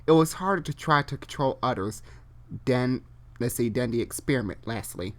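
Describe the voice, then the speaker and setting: An online storyteller reads fan fiction aloud live in a medium-pitched, animated voice. The reading is halting, with stumbles, repeated and corrected phrases, and breaks for chatty, informal asides.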